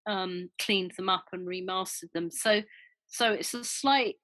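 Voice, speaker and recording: A woman's voice: fairly low pitch, a little slow, pushed and bright, dry recording, rough recording. An older woman, a former band member, talking casually in an interview, rambling with many fillers and restarts.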